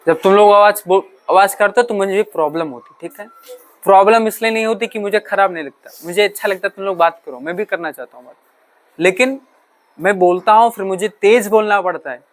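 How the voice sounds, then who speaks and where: A male teacher with a high voice talks a little fast as he lectures a classroom. He asks and answers his own questions, mixes English terms into his talk, and frequently checks whether the students understand.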